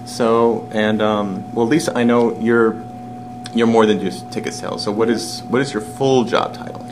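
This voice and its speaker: A man's voice: lowish voice, moderate pace. A man in his thirties hosting a casual interview, eager and rambling with many restarts, recorded on a handheld camera at arm's length in a small locker room. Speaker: interviewer, video host. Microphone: camera phone at arm's length. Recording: noisy room with steady hum.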